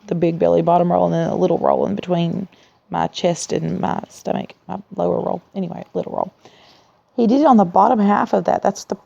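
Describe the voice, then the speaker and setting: A woman who sounds tired and weak after surgery, talking in a candid, rambling, low-energy way in a casual video diary, with a gravelly, creaky voice. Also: mellow. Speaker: vlogger sharing surgery recovery. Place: at home in a recliner. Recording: dull, lo-fi sound.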